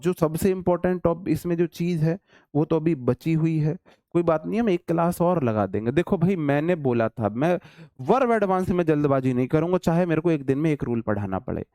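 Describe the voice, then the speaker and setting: A man's voice: on the high side, expressive, fairly quick, mellow, dry recording, clean studio sound. A man with a Hindi accent teaching an online English class, chatty and teasing his students. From India.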